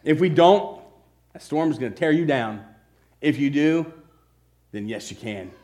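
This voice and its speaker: A man delivering a sermon in a slightly high voice. He alternates between loud, emphatic lines and quiet, slowed-down appeals, driving his points home with earnest conviction. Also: expressive. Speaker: preacher.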